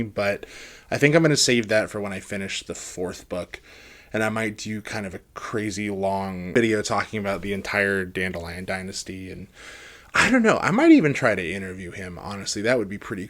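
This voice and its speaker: A man giving a casual, rambling book review, conversational and hedging, often trailing off at the ends of phrases. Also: lowish voice.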